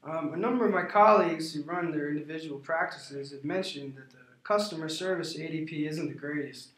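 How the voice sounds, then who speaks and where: A man with a slightly high voice plays the client in a rehearsed business conversation. He talks in a measured, formal manner. The room around him sounds clearly echoey. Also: a bit bright. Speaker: prospective client in a sales role play.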